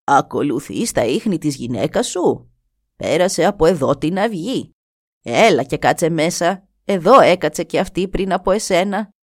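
A woman's voice: fairly low pitch, expressive, no room sound, studio quality. A woman voicing a knowing old grandmother who keeps a tiny magic cooking pot. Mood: knowing, kindly.

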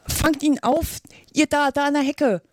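A woman's voice: high voice, steady tone, unhurried, darkish tone, no echo, studio quality, pitched above the performer's own voice. A woman voicing a fussy male rabbit who snaps orders in a storybook reading. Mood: bossy. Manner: snapping orders.

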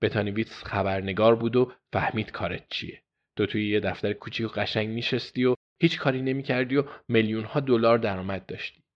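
A man's voice: lowish voice, lo-fi sound, close to an everyday voice. A man voicing a charming, pushy, manipulative woman who coaxes and presses. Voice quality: coaxing, sweet-talking.

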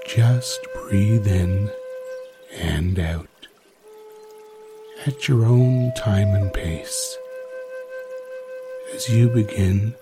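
A man narrating a guided sleep meditation like a sleep story, soothing and unhurried, with long pauses between phrases. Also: lowish voice.

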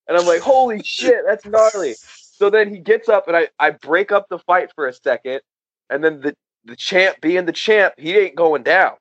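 A man tells a chaotic story in loose, casual talk, cursing nearly every line and breaking into laughter. His voice sits a bit high for a man. The recording is dry and a little muffled. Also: normal speed, dry recording. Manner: profane, laughing, animated storyteller.

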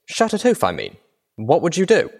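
An earnest little mare, as a male reader voices her, pitched higher than his narration and full of questions. She pushes curiously for answers. A storybook heroine. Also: huge pitch swings, normal speed, gravelly, full character voice. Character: small young mare wanderer, earnest and curious.

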